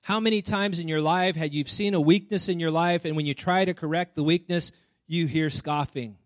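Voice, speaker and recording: A man's voice: fairly high pitch, steady tone, moderate pace, dry recording. Earnest male preacher, dry close sound. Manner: earnest, rising to emphatic exhortation with repeated words. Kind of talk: sermon.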